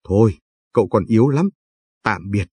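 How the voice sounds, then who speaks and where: A man reading the part of a weakened, gentle young man who speaks softly and hesitantly, in an audiobook narration. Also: on the low side, animated, moderate pace, slightly rough, dry recording. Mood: gentle weary. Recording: dry, faint background music.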